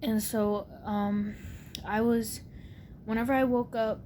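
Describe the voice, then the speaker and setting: A young adult woman telling a personal story casually to camera, rambling and halting, her words slightly muffled by a sore, barely opened mouth. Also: fairly even intonation, dark tone. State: sore mouth after wisdom tooth removal. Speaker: vlogger. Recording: clear background noise with low rumble.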